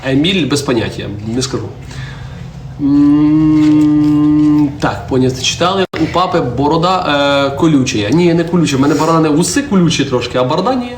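A man's voice: fairly high pitch, expressive, normal speed, darkish tone. A man in his twenties, a priest chatting on a live stream in a church, answering viewer comments and teasing his little daughter. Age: 20s. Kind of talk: casual live-stream chat. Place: church interior. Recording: roomy echo, faint background noise.

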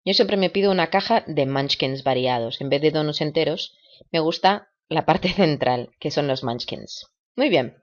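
Woman, low voice, patient language teacher, slow repetitions, dull lo-fi sound. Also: lively intonation. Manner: patient, repeats words slowly for imitation. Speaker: English teacher for parents. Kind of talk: video lesson, explaining and drilling words. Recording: dull lo-fi recording.

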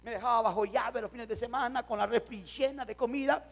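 A man from El Salvador preaches his testimony with fervor, calling his listeners brothers. His voice sits unusually high for a man. He swings from loud, stretched declarations to quiet storytelling. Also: a little fast, gravelly. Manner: impassioned, addresses congregation as brothers. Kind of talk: testimony sermon.

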